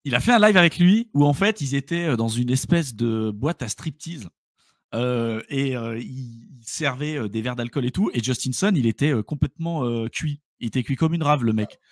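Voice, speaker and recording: A man co-hosting a casual live stream, rambling through stories in slangy speech full of fillers. His voice sits at an ordinary pitch and sounds dry and close, with little room around it. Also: animated, moderate pace, no echo. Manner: loose, slangy storytelling with many fillers. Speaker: co-host of a crypto live stream. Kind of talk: casual chat.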